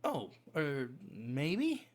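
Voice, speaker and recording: A man's voice: fairly high pitch, huge pitch swings, extremely slow, full character voice. A man voicing a reluctant, grumbling young male defense attorney in fan game voice acting. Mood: grumpy.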